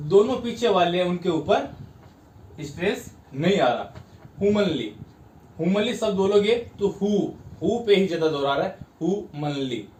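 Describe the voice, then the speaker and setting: A high-voiced man from India teaches a lesson, pacing himself slowly and pressing hard on each stressed syllable. He sounds set back from the mic in an echoing room, with a faint hum of background noise. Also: recorded from a distance. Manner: slow, spells out syllables with stress. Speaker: English teacher. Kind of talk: classroom lesson.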